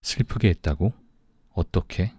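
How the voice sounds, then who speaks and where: A man's voice: deep voice, measured pace, breathy edge, dry recording. A man voicing an affectionate, teasing young male friend in an audiobook. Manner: playful, warm-hearted.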